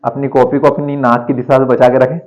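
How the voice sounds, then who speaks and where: A man's voice: mid-range voice, little pitch movement, fairly quick, a little mellow, rough recording. Male maths teacher, talking in a classroom, teasing and counting out sums aloud. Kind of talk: classroom lecture.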